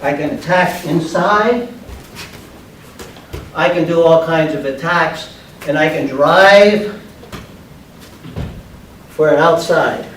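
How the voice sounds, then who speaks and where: This judo instructor, roughly in his sixties, has a somewhat high, fairly bright voice and speaks slowly with long pauses. He gives a martial arts demonstration in plain, short, step-by-step phrases inside a large, bare, padded indoor room, captured on a distant camera mic with echo and background noise.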